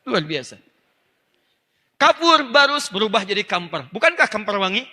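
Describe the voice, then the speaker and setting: High-voiced, very bright male preacher in reverb. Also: very animated, normal speed. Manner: emphatic teaching voice, addressing listeners directly; slips into fluent Arabic phrases and recitation. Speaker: Islamic preacher. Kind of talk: religious lecture. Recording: long hall reverb.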